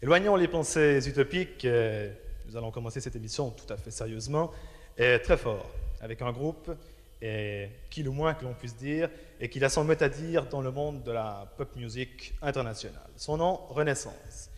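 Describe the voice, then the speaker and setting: A man in his thirties hosts a television music show, speaking at a medium pitch with measured, formal phrasing. The sound carries the long reverb of a studio. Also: expressive. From Switzerland. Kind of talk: presenting and interviewing on a music programme. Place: television studio with band instruments. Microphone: handheld microphone.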